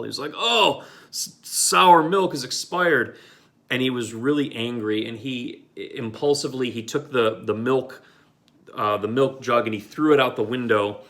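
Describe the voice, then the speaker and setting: A man from Michigan recounts an old memory in a loose, conversational way, full of fillers and restarts. His voice sits at an ordinary pitch with a bright, forward edge. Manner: rambling, many fillers and restarts, with acted-out quotes. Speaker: storyteller. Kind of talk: casual personal storytelling.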